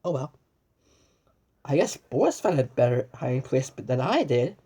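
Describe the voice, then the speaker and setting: In a bass-deep, dark, husky, sing-song voice, a woman reads a children's storybook aloud. She exclaims, quizzes the listener and pauses as if getting replies, and she regularly fumbles and repeats words during this lively read-aloud with asides to the viewer.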